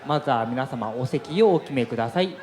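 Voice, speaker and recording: Man, venue announcer, quick lively delivery, roomy echo. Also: medium pitch, some chatter behind. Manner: formal, courteous customer-service phrasing. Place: crowded event venue.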